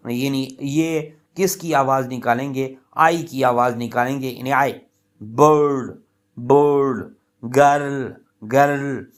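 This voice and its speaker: Slow, patient male language teacher. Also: mid-range voice. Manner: slow, repetitive explaining with many fillers; drawn-out example words. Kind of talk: lecture on English pronunciation.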